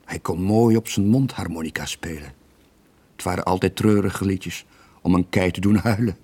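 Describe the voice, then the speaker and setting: Voicing a lonely, worn-out sailor of late forties for a radio drama, the actor sounds gentle but evasive, husky, subdued and hesitant. Delivery is low and at a moderate pace, wistful in mood.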